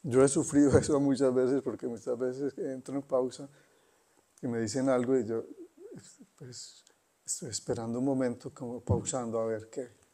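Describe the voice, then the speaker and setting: Mellow-voiced man giving a spiritual talk. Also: medium pitch, flat delivery. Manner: unhurried, pausing often, conversational. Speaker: spiritual teacher. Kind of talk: satsang talk.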